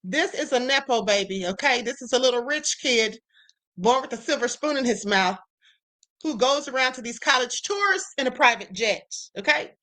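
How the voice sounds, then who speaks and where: Sassy high-voiced woman streamer. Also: expressive, bright, forceful tone. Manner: sassy, emphatic, drawn-out asides. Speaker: live stream host. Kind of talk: casual commentary.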